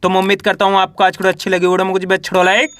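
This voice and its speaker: A man teaching Hindi reading. He spells each syllable slowly, then says the whole word, and speaks to viewers as friends. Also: sits high, monotone, a bit bright. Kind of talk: slow syllable-by-syllable reading lesson.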